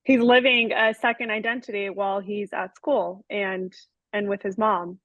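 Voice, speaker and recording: A woman's voice: mid-range voice, fairly even intonation, moderate pace, a bit bright, dry recording. A woman interviewing a guest, asking pointed questions with an emphatic, incredulous manner. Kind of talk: conversational interview. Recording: dry, dull lo-fi audio.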